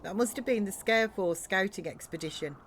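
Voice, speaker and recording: A woman's voice: medium pitch, fairly quick, a little hiss or hum, natural voice. A woman voicing an earnest, formal soldier and builder in game dialogue read aloud. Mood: grave. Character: earnest, formal soldier-builder questioning beliefs and rallying allies.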